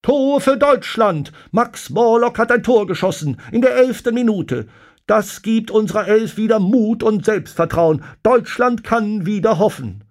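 A man voicing a male radio football reporter, yelling the play-by-play in frantic excitement. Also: sits high, a little slow, pitched above the performer's own voice. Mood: ecstatic shouting.

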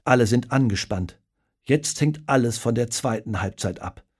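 A man reading a children's story aloud, dramatic and lively in his storytelling. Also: mid-range voice, normal speed, breathy edge. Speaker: narrator. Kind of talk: storybook narration.

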